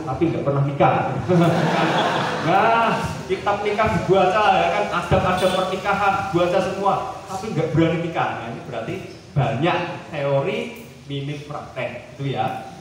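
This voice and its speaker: A man from Central Java with a Javanese-tinged accent, giving a lively, joking seminar talk at a boarding school, slipping into playful mock dialogues. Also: on the high side, a little hiss or hum. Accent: Javanese-tinged Indonesian. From Central Java, Indonesia. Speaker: guest speaker at a seminar. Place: large hall at a boarding school. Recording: echoey hall recorded from far off.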